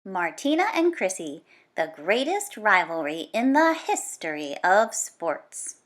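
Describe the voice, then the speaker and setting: A woman with a mid-range voice reads slowly from a children's book, teacher-style. Her reading is lively and conversational, and she stresses the repeated words emphatically.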